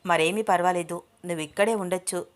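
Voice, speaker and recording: A woman voicing a gentle, earnest young man in an audio story. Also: on the low side, steady tone, brisk, lightly acted. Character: kind, puzzled young man, Abhiram.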